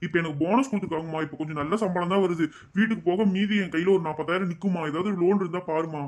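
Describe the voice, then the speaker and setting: A man's voice: sits high, racing. A man voicing a responsible young son in a cartoon family drama. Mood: earnest. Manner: soothing, earnest. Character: young working son, mid-twenties, responsible and kind.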